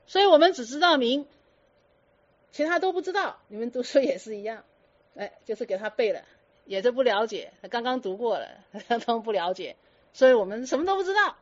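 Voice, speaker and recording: A woman with a slightly high, expressive voice gives a brisk Buddhist dharma talk to students, firing off teasing rhetorical questions and slipping in English words. The recording is muffled.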